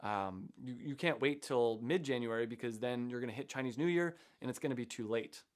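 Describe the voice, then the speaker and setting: A chatty man hosting a livestream in a loose, rambling way. His pitch sits in an ordinary middle range, and he switches between tips and reminders to the viewers. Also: a little fast. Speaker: host. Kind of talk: casual livestream teaching.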